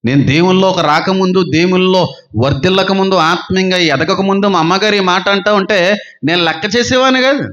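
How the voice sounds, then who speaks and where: High-pitched guy preaching, lots of rhetorical questions over and over, dull lo-fi sound. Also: fairly quick, fairly bright tone. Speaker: pastor. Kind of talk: sermon.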